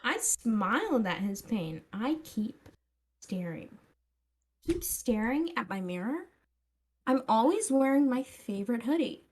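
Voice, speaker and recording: A woman's voice: a little high, very animated, a little slow, darkish tone, slightly rough, exaggerated voice. A tipsy woman doing a smug Valley Girl diarist. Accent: Valley Girl put-on. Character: smug teenage Valley Girl diary writer, female. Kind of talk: comic dramatic reading.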